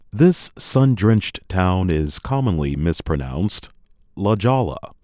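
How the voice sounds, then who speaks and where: Deep, slow male narrator. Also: dark tone, no room sound. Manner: measured, carefully enunciated learner-friendly delivery. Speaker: program host. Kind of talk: slow scripted educational narration. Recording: dry studio voice-over with faint music.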